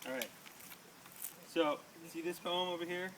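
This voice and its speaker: A man with a high voice reads his own poems unhurriedly at a small live reading before an audience. His delivery is emphatic and rhythmic, broken by casual asides, and a distant mic picks him up in a noisy room.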